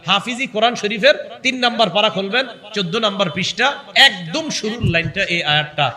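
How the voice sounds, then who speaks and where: A young man preaching an Islamic waz sermon, switching between animated explanation and slow chanted Quran recitation. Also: high-pitched. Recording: long hall reverb.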